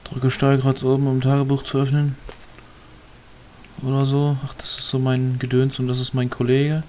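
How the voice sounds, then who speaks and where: Male let's-play commentator, mid pitch, mutters and rambles over gameplay, faint hiss behind. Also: completely flat delivery, normal speed, darkish tone. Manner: rambling, muttering to himself, mildly grumbling. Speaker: let's player.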